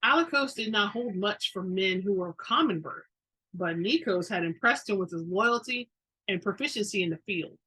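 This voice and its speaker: A woman's voice: mid-range voice, expressive, normal speed, sharp tone, breathy edge, poor audio. A woman giving a dramatic reading of a story, as an informal amateur narrator who now and then stumbles over a word. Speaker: reader of a romance fantasy novel.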